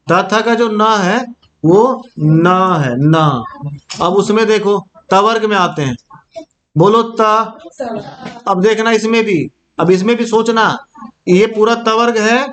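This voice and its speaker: A young man with a high-pitched, fairly bright voice gives a Hindi grammar lesson in classroom style. He voices every sound as a demonstration and keeps asking whether the students are keeping up.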